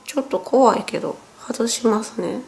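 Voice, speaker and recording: A woman's voice: a little high, moderate pace, gravelly, a little mellow, slight background noise. A woman, chatting casually in a home vlog, her speech a little sluggish and strained after nose surgery as she corrects herself along the way. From Japan. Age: 40s. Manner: chatty, self-correcting, talks while wincing in pain. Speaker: vlogger. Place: at home, indoors.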